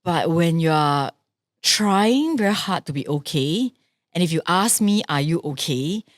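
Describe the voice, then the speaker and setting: A young adult woman co-hosting a podcast in casual chat, reflective and quick to murmur agreement. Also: on the low side, lively intonation, dry recording, clean studio sound. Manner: reflective, backchannels often with soft agreement. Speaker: podcast co-host, singer.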